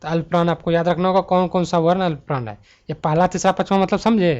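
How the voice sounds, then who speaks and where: A man teaching a Hindi grammar exam-prep lesson, talking students through multiple-choice answers and slowing down to list letters one by one. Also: high voice, fairly even intonation, a little mellow, lo-fi sound. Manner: slows to spell out letter lists one by one.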